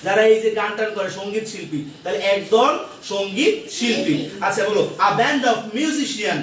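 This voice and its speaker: A man's voice: sits high, lively intonation, normal speed, a bit bright, heavy reverb, recorded from a distance. A man teaching English to a class, asking questions over and over and having students repeat words after him. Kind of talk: classroom lesson.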